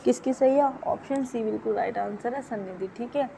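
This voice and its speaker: Woman tutor for exam prep, brisk and coaching, somewhat high voice, drills each answer twice. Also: creaky, warm tone, slight background noise. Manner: quizzing and repeating answers. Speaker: teacher.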